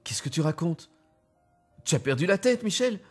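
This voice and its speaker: A man's voice: a little high, big pitch swings, moderate pace, soft background music. A man voicing a frantic wife who pleads with her husband in an anxious, raised voice in a spoken story. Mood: incredulous.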